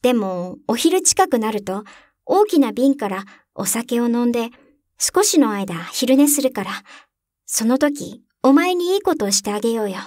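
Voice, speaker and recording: A woman voicing a rough, bossy young robber girl in a storybook reading, with blunt tomboyish speech. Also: a little high, big pitch swings, moderate pace, darkish tone, no room sound, clean studio sound.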